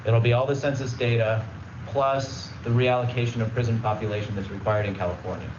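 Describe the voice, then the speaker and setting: A man's voice: mid-range voice, fairly even intonation, brisk, echoey room, recorded from a distance, highs cut off, background noise. A man giving a conversational presentation at a public meeting, explaining rules with everyday examples and plenty of fillers. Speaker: redistricting consultant presenting.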